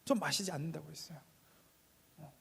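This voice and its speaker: A man preaches in a church with a high, gravelly voice, moving from hushed asides to raised appeals. The sound carries a long hall reverb. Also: a little fast. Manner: storytelling, swings between quiet asides and raised appeals. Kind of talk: sermon with personal story.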